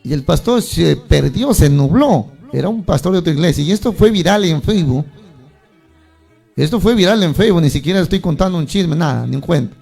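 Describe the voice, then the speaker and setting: Preacher, male, high gravelly voice, lively storyteller who acts out voices, faint music underneath. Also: fairly quick. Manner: animated storytelling, acting out voices of churchgoers. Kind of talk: sermon.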